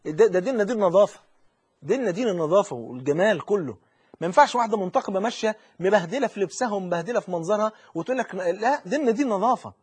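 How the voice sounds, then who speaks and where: A man with an Egyptian accent preaching a lively colloquial sermon, speaking straight to the listener and acting out the people he quotes. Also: high-pitched, rapid-fire, breathy edge. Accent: Egyptian Arabic. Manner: animated, addresses listener directly, acts out quoted speech.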